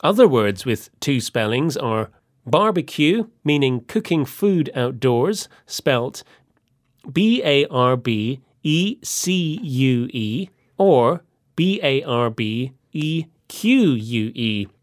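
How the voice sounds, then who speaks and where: A man presenting a scripted language lesson with a lively, measured delivery. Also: medium pitch, dry recording, studio quality.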